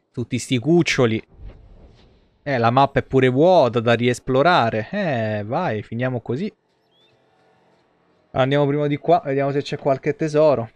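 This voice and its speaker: A man in his thirties with an Italian accent streams video games, giving casual, colloquial live commentary and swearing now and then from a small indoor room. His voice is mid-range, with no room sound.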